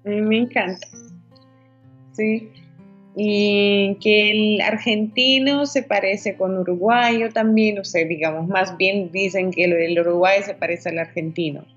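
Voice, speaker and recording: A woman chatting casually about Spanish accents, lively and playful, laughing often. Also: medium pitch, a little slow, dull audio, soft background music.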